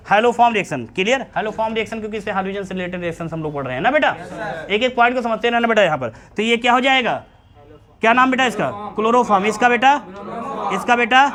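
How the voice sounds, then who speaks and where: High-voiced man teaching chemistry. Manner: repeatedly checks understanding, calls students beta. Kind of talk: classroom lecture. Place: classroom with students.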